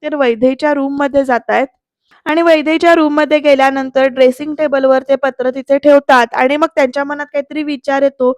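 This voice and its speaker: A woman's voice: high voice, steady tone, brisk, no room sound, clean studio sound. A woman narrating a voice-over review, retelling an episode in a chatty storytelling way with asides to viewers. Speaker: serial reviewer.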